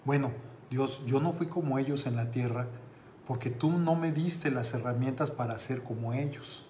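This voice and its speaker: A humble young lama speaks earnestly to his master, as a storyteller puts him on. The delivery is measured and mid-pitched. There is roomy echo and a faint ambient hum behind the voice. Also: mellow, close to an everyday voice.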